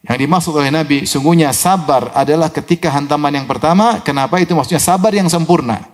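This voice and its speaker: Indonesian man preaching a lively sermon. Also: fairly high pitch, quick pace. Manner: lively storytelling with acted quotes and chuckles.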